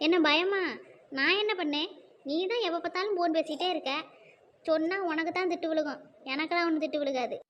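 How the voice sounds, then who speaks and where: A cheeky cartoon little sister talks back with mocking, defiant jabs in a very high voice, voiced by a woman. The sound is slightly dull and lo-fi, with a faint hiss behind it. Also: brisk, fairly bright tone. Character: cheeky sharp-tongued younger sister. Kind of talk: cartoon voice acting.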